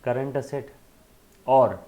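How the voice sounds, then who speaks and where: A man's voice: medium pitch, takes it slowly, mellow, highs cut off. A male accountancy lecturer giving an emphatic classroom lecture, checking in with rhetorical questions and fondly addressing students as children.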